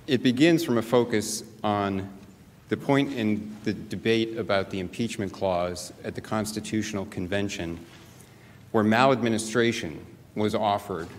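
A man giving a formal legal argument as a lawyer addressing a legislature, measured, with pauses between phrases. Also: fairly low pitch. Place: large indoor legislative chamber. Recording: echoey hall, some background noise.

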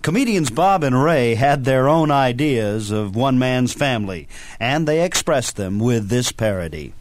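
A man's voice: medium pitch, sing-song, measured pace. A man reading scripted documentary narration about radio history.

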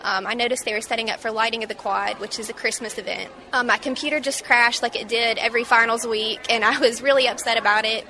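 A woman in her twenties from Mississippi recounting a personal story in an interview, halting and reflective with many fillers. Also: fairly high pitch, steady tone, pushed and bright. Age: 20s. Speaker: interview guest.

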